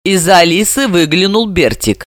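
A man narrating an audiobook with an expressive, wide-ranging delivery. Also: sits high, normal speed, no echo, clean studio sound. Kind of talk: scripted narration.

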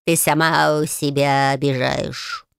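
Woman doing a gravelly sarcastic tomcat. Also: deep voice, flat delivery, slow pace, dry recording, studio quality, heavily acted. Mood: grumbling. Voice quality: gravelly, drawling. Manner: mocking, exasperated. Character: sarcastic grumpy male cat familiar.

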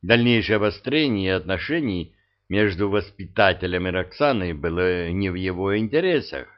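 A man reading a fairy-tale novel aloud as an audiobook narrator, in a measured storytelling style. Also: deep voice, animated. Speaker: audiobook reader. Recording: dull lo-fi audio.

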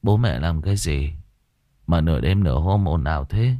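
A man's voice: rumbling low, animated, moderate pace, dry recording, lo-fi sound, voice pushed down. A man voicing a drowsy, surly young son who grumbles. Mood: sullen grumble.

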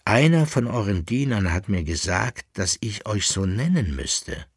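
A man's voice: fairly low pitch, very animated, measured pace, breathy edge, no echo, clean studio sound, exaggerated voice. A man reading aloud, voicing a young army officer who is earnest and easily flustered.

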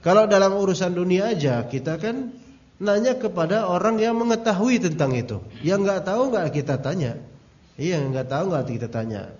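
A male Islamic teacher giving a religious study lecture, his voice sitting a bit high for a man. He keeps it casual and joking, tells anecdotes and talks straight to his listeners. The recording sounds dull and lo-fi. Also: animated, normal speed, darkish tone. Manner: addresses audience directly.

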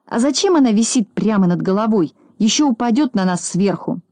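A woman's voice: medium pitch, animated, fairly quick, warm tone, no echo, voice pushed up, natural voice. A woman voicing a timid, greedy, plump little boy from a storybook who babbles in fright. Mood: anxious.

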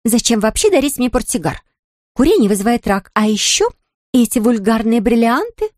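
A woman's voice: a little high, sing-song, moderate pace, darkish tone, no echo. A woman reading an audiobook, voicing a playful young woman who puts on a haughty, theatrical manner, in a dry studio.

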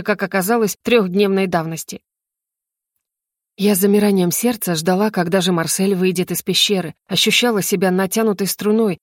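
A woman reading a fantasy novel aloud in first person, in an even, measured way. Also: medium pitch, no room sound, studio quality. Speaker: audiobook narrator. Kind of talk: scripted narration.

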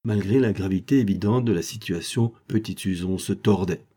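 A man narrating a French detective novel as an audiobook reader, in a measured, expressive way. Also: deep voice, husky. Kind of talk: scripted narration.

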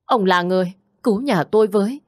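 A woman's voice: on the low side, moderate pace, darkish tone, no echo, studio quality, natural voice. A woman voicing a desperate old village man who pleads and cries out in panic for help. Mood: pleading.

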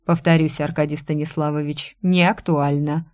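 A woman voicing a gruff, domineering male boss in an audiobook, speaking slowly and menacingly, then snapping into angry scolding. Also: low-pitched, level tone, a little mellow, close to an everyday voice. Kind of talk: audiobook character reading.

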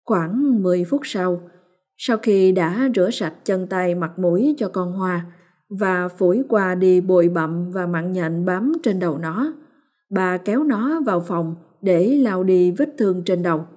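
A woman narrating a ghost story in a steady, even storytelling manner. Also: lowish voice, measured pace. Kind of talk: scripted horror story narration.

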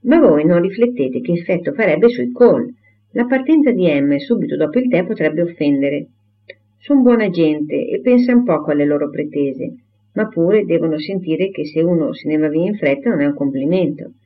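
Man voicing a courteous gentleman, persuasive, patient reasoning, storybook, tinny phone-like audio. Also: fairly high pitch, lively intonation, moderate pace. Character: genial, persuasive middle-aged gentleman.

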